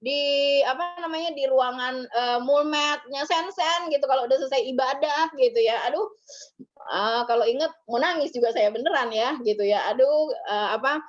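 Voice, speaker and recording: A woman's voice: high-pitched, moderate pace, muffled recording. A woman pastor giving a conversational memorial sermon, often ending her phrases with little tag words. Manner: conversational, tags phrases with ya and gitu.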